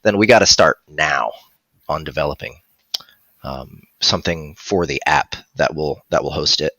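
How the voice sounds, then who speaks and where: In his thirties, this man chats casually into a headset as a guest on a live stream, calling in by video from a room at home. His voice sits extremely low and sounds pushed and bright, at a normal pace. The recording is dry.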